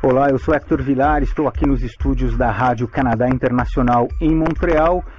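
A man hosting a radio show in a steady, formal announcer's voice, played back from a shortwave radio broadcast. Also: mid-range voice, fairly quick, highs cut off, faint music behind.

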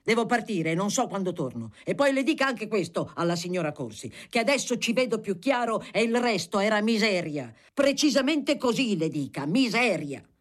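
A reader voicing an irritable, agitated male politician who bursts out in angry, exasperated shouts. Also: mid-range voice, lively intonation, moderate pace, close to an everyday voice. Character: irritable, agitated communist deputy, grown man.

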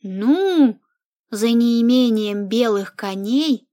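A bossy, confident young matchmaker, as a woman reads her out with a fairly high voice. She speaks emphatically and lectures, at a slow and deliberate pace, as in a read-aloud storybook. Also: expressive, dark tone. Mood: assertive.

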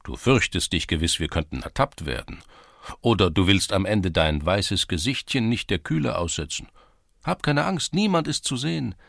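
A man's voice: fairly low pitch, sing-song, moderate pace, vocal fry, a bit bright, dry recording, clean studio sound, exaggerated voice. A man voicing an ardent young lovesick Cossack in an audiobook, pleading and tender. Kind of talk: audiobook character reading.

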